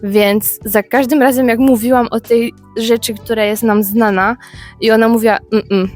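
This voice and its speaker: Woman, young adult, from Poland, vlogger, expressive, casual chat, faint background music. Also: a little high, moderate pace. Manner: lively, expressive storytelling. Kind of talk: casual talk to camera.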